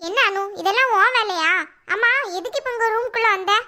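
A woman voicing a defensive, quick-tempered young wife in a cartoon, pleading her case in a Tirunelveli Tamil accent. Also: very high voice, bright, forceful tone, heavily acted. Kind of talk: cartoon voice acting.

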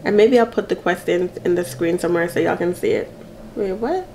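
A woman's voice: fairly low pitch, a little fast, a little mellow, slight background noise. A woman, chatting playfully and laughing often as she answers get-to-know-me questions while eating. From Jamaica. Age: 30s. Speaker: mukbang vlogger.

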